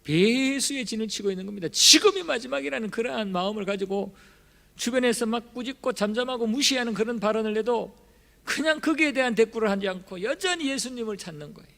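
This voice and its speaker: A male pastor preaching a sermon in a church, impassioned and emphatic, swinging between soft and loud delivery. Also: very high voice, fairly quick, vocal fry. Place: church sanctuary. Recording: long reverb of a church hall.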